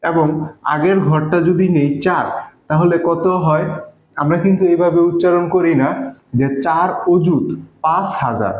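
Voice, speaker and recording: A man with a Bangladeshi Bengali accent teaching a math lesson step by step, patiently, with many fillers. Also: a little high. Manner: patient, explains slowly with fillers. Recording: echoey room, dull lo-fi sound.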